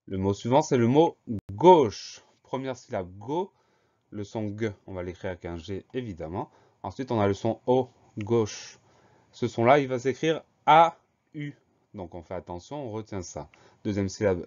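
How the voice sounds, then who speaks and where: A man teaching a spelling lesson, slowly and patiently spelling each word out letter by letter. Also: fairly low pitch, darkish tone, lo-fi sound.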